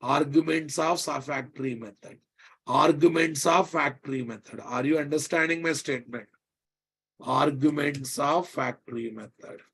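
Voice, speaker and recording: A man with a Telugu Indian accent gives a live technical lesson in a fairly high-pitched voice. He is emphatic, repeats key phrases and punctuates his explanation with short checking questions. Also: normal speed, a bit bright, slightly rough. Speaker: programming instructor.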